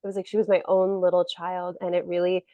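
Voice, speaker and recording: A woman's voice: fairly low pitch, flat delivery, fast, mellow, no room sound, lo-fi sound. Woman, podcast co-host, casual rambling chat, dry close sound. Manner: rambling, many "like" fillers.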